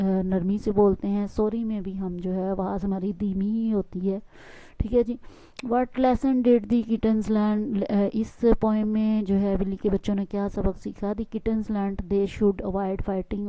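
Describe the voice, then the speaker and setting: A woman with a Pakistani accent, teaching a school lesson, reading the English lines slowly and explaining them in between. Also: medium pitch, no echo. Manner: slow English lines, quick asides. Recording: dull lo-fi sound.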